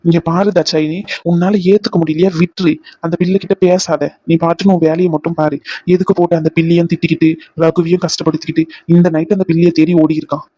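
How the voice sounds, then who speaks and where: A man's voice: a little high, little pitch movement, fast talker, mellow, no echo, highs cut off. Brief: man, earnest family-drama cartoon voice, dry booth sound. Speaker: voice actor for male family members.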